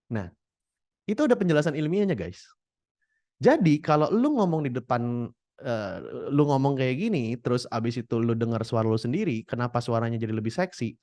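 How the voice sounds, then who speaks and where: A man's voice: mid-range voice, no room sound, studio quality. A young man, giving a casual, slangy tutorial as a content creation coach and acting out voices to make his points. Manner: animated, demonstrates voices while explaining.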